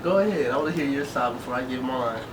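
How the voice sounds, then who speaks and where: A man's voice: mid-range voice, quick pace. Laid-back young man, distant mic. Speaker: vlog co-host. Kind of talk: casual Q&A chat. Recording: distant mic with steady background noise.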